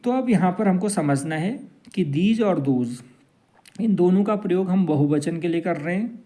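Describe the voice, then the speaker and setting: A man's voice: high voice, warm tone. A man teaching an English grammar lesson, drawing out each example sentence. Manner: slow, drawn-out example sentences.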